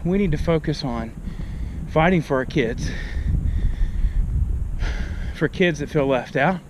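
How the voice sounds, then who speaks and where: A man's voice: fairly high pitch, slow pace. Man, pastor, casual outdoor vlog, breathless from walking uphill, phone at arm's length, faint background noise. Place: outdoors on a hill.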